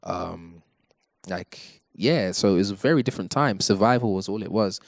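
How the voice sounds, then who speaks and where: A young man in his twenties, speaking in a flat, monotone manner with a fairly low voice. He talks reflectively as a guest, pausing on fillers and restarting his sentences, recorded close and dry with no room sound. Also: gravelly, dry recording. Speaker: musician guest. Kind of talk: casual interview talk.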